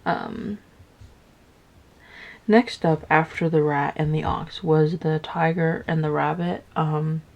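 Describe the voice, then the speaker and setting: A young woman casually retelling a story while building Legos, rambling with lots of filler words and high, playful voices for the characters. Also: fairly even intonation, slow pace, vocal fry, lo-fi sound. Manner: rambling, filler-heavy, with "like" everywhere. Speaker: vlogger.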